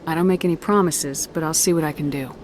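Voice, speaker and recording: An actress voicing a blunt, impatient military commander. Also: female voice, sits low, fairly even intonation, fast talker, a little mellow, a little hiss or hum, natural voice. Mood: curt. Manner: blunt, curt. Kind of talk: video game voice acting. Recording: game audio over music.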